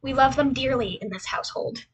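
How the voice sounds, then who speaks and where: Speaking a little fast in a high voice, a young woman introduces herself as a cute anime-style VTuber in casual livestream chat over a slideshow. She rambles, repeating phrases self-deprecatingly, with slight background noise behind her.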